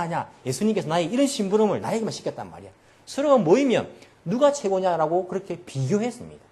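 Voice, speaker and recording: A man's voice: a little high, a little mellow. A man preaching a sermon as pastor, acting out the voices of people he quotes. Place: church.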